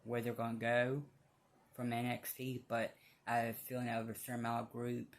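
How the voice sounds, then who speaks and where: A male fan vlogger gives casual opinion commentary, blunt and halting as he rambles. His mid-range voice is delivered completely flat.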